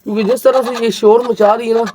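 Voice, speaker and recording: Speaking in a very high voice at a quick pace, a man vlogs outdoors on a phone camera about his pet hens, with slight background noise. He chats casually with his viewers, keeps addressing them as friends, and gets excitable around the hen.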